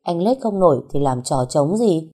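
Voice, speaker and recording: A woman voicing a sharp-tongued young wife who teases and scolds her husband out of jealousy. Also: sits low, lively intonation, moderate pace, slightly rough. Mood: teasing. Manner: teasing, scolding.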